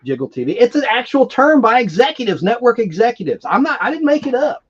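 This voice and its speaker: A man's voice: very high voice, very animated, fast, breathy edge, dull audio. A man hosting a casual nostalgic TV live stream, talking in a rambling, enthusiastic, geeky way.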